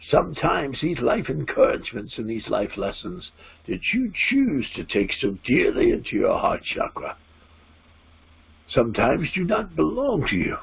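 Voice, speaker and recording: A man voicing a channeled spirit teacher, giving solemn, gentle guidance in halting, deliberate, formal phrases with a husky, creaky voice. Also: medium pitch, full character voice. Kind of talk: slow trance-channeled spiritual address. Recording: dull, lo-fi sound.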